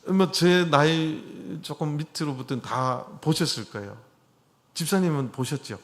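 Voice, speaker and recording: A man's voice: a little high, unhurried. Conversational male pastor preaching. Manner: conversational, asks the congregation questions. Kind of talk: sermon. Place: church hall.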